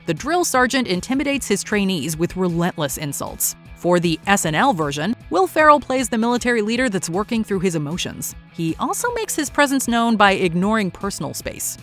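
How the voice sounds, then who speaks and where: A woman's voice: mid-range voice, fairly bright tone. A woman reading scripted countdown narration.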